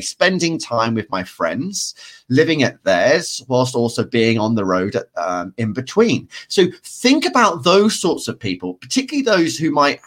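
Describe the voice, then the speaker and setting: Animated male podcast co-host. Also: medium pitch. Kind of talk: casual podcast discussion.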